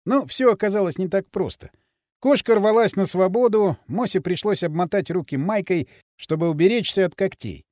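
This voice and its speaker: A man narrating an audiobook in an expressive reading voice on a close mic. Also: high voice, moderate pace, no echo.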